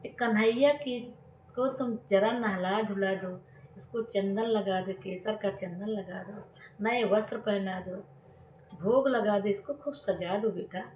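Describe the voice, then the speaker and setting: A woman's voice: mid-range voice, takes it slowly, a little mellow, far from the mic, a little hiss or hum, lightly acted. Woman voicing a sick old devotee woman, pleading. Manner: pleading, fussing over her idol. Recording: roomy echo with devotional music.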